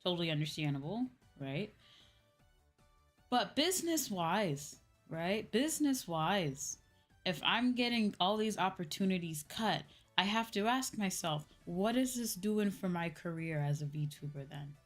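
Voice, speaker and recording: This VTuber streamer speaks a little slowly, her fairly low voice full of expression as she casually answers viewers. She explains things informally, goes over points more than once, and keeps asking "right?". Soft music sits faintly behind her.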